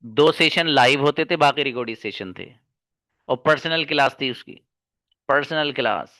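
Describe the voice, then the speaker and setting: A man's voice: medium pitch, moderate pace, sharp tone, dry recording. A man teaching an online English class, speaking earnestly and reassuringly to his students and repeating points for emphasis. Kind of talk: live online class, encouraging lecture.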